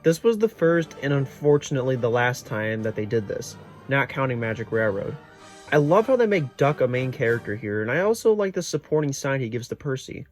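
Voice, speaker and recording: A man reads a scripted review at an average pitch. Faint music sits behind the voice. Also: very animated, a little fast.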